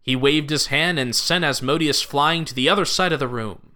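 Male narrator for audio drama, high-ish, bright and animated delivery. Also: moderate pace. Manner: lively, expressive storytelling.

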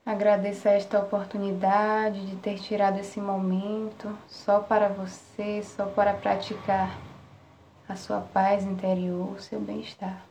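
A Brazilian woman guiding a relaxation meditation in a soft, soothing spa-like manner, with long pauses between short phrases. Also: medium pitch, monotone. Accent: Brazilian Portuguese. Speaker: meditation guide. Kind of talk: guided relaxation meditation, live. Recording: roomy echo, faint background noise.

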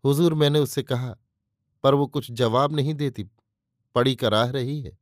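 A man's voice: mid-range voice, fairly even intonation, moderate pace, no echo, studio quality, natural voice. A man voicing a humble servant gardener who reports respectfully and a little anxiously. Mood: deferential.

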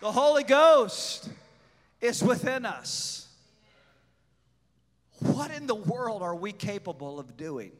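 Male preacher, very high forceful voice, slow deliberate pace, rousing repetitive exhortation. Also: lively intonation, some chatter behind. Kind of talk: rousing charismatic sermon. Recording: reverberant hall sound.

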